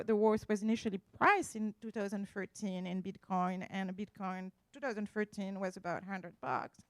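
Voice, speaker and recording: A woman's voice: medium pitch, a little mellow, no room sound. A woman with a French accent presenting as an art appraiser in a slide talk, often hesitating and searching for words, with asides.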